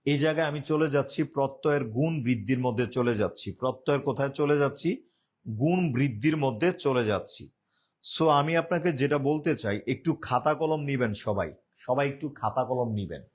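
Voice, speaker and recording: A Bangladeshi man teaching an exam-prep grammar class at an ordinary mid pitch. He keeps firing questions at the class and answering them himself in a lower, quieter voice. He repeats each point several times, like a drill. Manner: repetitive, drilling call-and-response.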